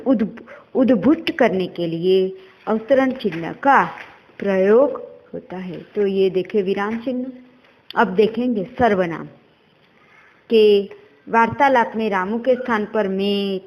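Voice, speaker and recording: A woman teacher talks through a grammar lesson at an unhurried pace. She reads each example aloud and then names the words that matter. Her voice sits at a middle pitch. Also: poor audio. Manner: explains slowly, reads out examples one by one.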